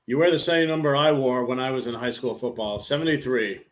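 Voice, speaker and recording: A man live streaming a football game, rambling casually with lots of "like" fillers and relaxed play-by-play. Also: mid-range voice, fairly quick. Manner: rambling, heavy use of "like" fillers.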